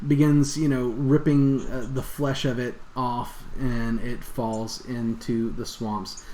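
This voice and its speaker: A man's voice: medium pitch, level tone, takes it slowly, warm tone, roomy sound, a little hiss or hum. A man narrating as game master of a tabletop game, loose and full of fillers. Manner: loose, filler-heavy description.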